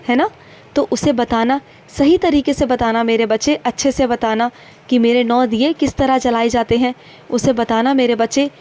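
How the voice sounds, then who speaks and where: A woman voicing a gentle, fatherly male saint who counsels his devotees in a tender, instructive devotional message, calling them "my child" again and again. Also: on the high side, natural voice. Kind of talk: devotional first-person message.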